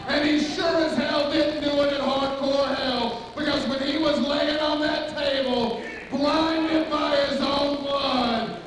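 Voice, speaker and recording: Male wrestling manager, ring promo: very high, slow, grandiose and threatening, distant mic in a noisy reverberant arena. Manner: drawn-out, menacing, grandiose declamation.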